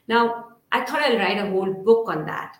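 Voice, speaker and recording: A woman's voice: on the high side, normal speed. A middle-aged woman, answering interview questions as a guest author in a hesitant, rambling way. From Srinagar, Kashmir, India. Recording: roomy, echoing sound.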